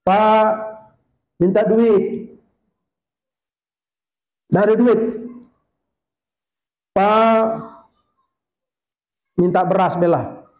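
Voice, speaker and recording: A man's voice: sits high, steady tone, drawn-out words, long pauses, a little mellow, echoey room, pitched above the performer's own voice, rough recording. A preacher putting on a stingy, haughty rich man. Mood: curt. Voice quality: curt, indignant.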